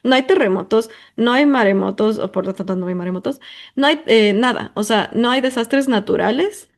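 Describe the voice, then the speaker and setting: A woman's voice: on the high side, normal speed. A woman from Ecuador, hosting a personal monologue in an emphatic, talkative way full of intensifiers and fillers. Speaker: podcast host.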